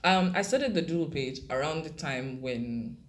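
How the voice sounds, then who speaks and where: A woman's voice: low voice, lively intonation, normal speed. A young woman who grew up in Kenya, a guest talking casually and thoughtfully with many fillers and restarts. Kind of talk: casual conversation.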